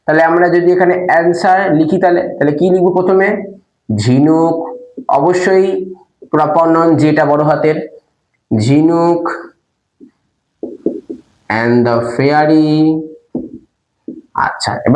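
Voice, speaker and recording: A man's voice: fairly high pitch, moderate pace, darkish tone. A male teacher going through a children's English lesson, asking questions and answering them himself and spelling words out. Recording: echoey room.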